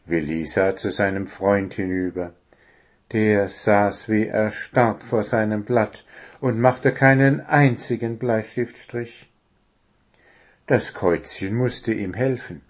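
A man narrating a children's storybook in a calm, gentle reading voice. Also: on the low side, slow pace.

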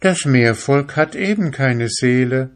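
A man voicing a young female mermaid in a soft, simple way, pitched up from his own voice. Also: lively intonation, slow pace. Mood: gentle. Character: gentle little mermaid, young female sea creature.

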